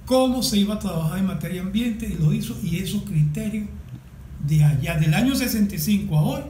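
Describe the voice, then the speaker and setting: On a panel, a Venezuelan environmental activist in his sixties speaks as a guest in a soft, high, mellow voice. His impassioned speech is emphatic and deliberate, full of stressed repetition. Faint background noise and echo fill the room.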